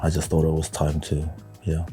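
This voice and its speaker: Husky, low-voiced New man. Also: completely flat delivery, mellow, faint music behind. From New Zealand, raised partly in Tonga. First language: Tongan. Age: 40s. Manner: hesitant, reflective, many pauses and fillers. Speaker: podcast guest. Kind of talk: casual interview chat.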